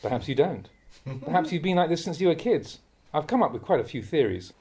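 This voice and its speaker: A man, a monk, reading a Dhamma talk aloud in a measured, admonishing way that rises sharply when he scolds. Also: a little high, big pitch swings, a little mellow. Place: monastery.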